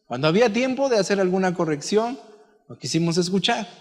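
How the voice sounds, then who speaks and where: A pastor giving a conversational sermon full of stories and asides. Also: male voice, high voice, expressive, a little fast, darkish tone, long reverb tail. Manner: conversational preaching with anecdotes and asides. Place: church.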